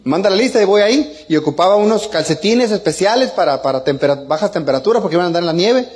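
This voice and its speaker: A man's voice: sits high, lively intonation, fast, a little mellow. Joking middle-aged man. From Mexico. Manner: joking, colloquial, tags lines with "¿no?" and "¿ah?". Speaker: speaker. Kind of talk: seminar storytelling talk.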